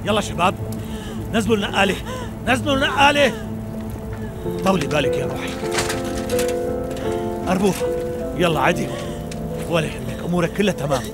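An actor dubbing, in a Levantine Arabic accent, a frantic man taking charge at a fire scene, shouting orders and soothing in between. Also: high-pitched, brisk, pauses often, loud music behind the voice, natural voice. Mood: urgent.

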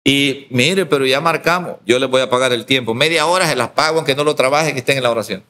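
A man's voice: mid-range voice, fast talker, pushed and bright. A man from El Salvador, a pastor, telling his story in an interview and acting out the quoted dialogue.

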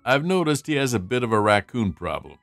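A man voicing a big, gruff but patient guard dog with a deadpan, weary manner in a comic dub. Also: mid-range voice, brisk, no echo, soft background music. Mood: stern.

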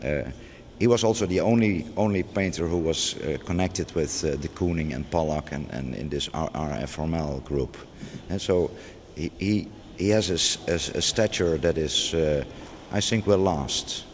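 An extremely low-pitched middle-aged man, working as a museum curator, talks unscripted in a gallery interview at a moderate pace, with hardly any pauses, though he still restarts and uses fillers a lot. The big gallery produces long reverb, and there's faint background noise.

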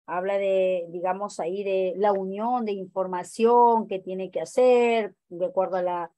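A woman's voice: medium pitch, fairly even intonation, a little slow, dark tone, dry recording. A woman teacher leading an online training class, explaining exam answers and asking the group questions. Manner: questioning, explanatory, many fillers.

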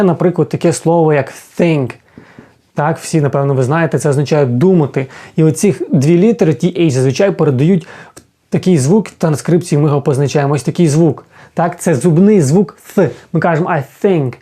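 A man's voice: a little high, mellow. A man who is an English teacher, explaining a lesson in a casual spoken way, often checking in with the listener and restarting his sentences. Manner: fast-paced, frequent fillers and restarts, checks in with "так?".

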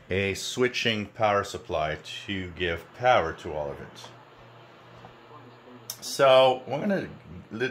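A man's voice: low-pitched, fairly bright tone, a little hiss or hum. A man hosting a hobby channel, giving a casual, conversational demonstration to viewers in an explanatory way. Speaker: host of a shortwave radio channel. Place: indoors in a home kitchen.

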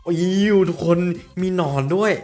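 A man's voice: sits high, moderate pace, faint music behind. Playful man doing game commentary. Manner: animated, jokey, talks to viewers as "everyone". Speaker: gaming YouTuber.

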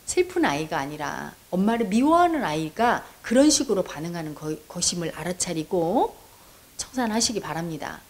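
A woman's voice: fairly low pitch, very animated, normal speed, a little mellow. Woman meditation teacher coaching someone through feelings, earnest and coaxing, voice swoops up and down a lot. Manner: addresses the listener directly with coaxing prompts; earnest, persuasive, acts out quoted voices. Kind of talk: counseling talk answering a viewer's question.

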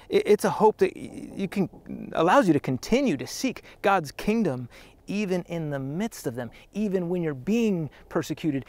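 A pastor in his thirties with a high, slightly mellow voice preaches a sermon outdoors on a trail, with no echo. He's earnest and conversational, often restarting his sentences.

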